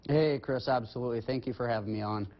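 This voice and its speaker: Male police lieutenant, measured, official tone, slightly muffled broadcast sound. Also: medium pitch. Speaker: highway patrol lieutenant. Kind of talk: remote TV interview.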